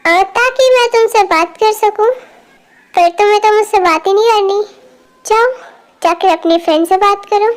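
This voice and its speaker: Woman voicing a bossy young man, teasing, scolding, very high voice, fan audio drama. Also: normal speed.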